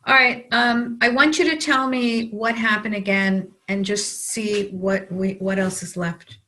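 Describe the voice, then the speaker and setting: A woman practitioner guiding a tapping session, calmly giving phrases for the client to repeat. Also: mid-range voice, measured pace. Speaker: EFT practitioner.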